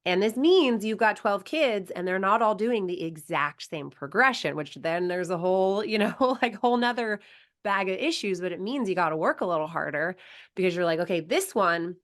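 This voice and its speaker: Animated woman coach on a podcast. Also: medium pitch, normal speed. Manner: animated storyteller, acts out quoted voices. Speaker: sports psychology coach, podcast guest. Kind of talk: casual podcast conversation.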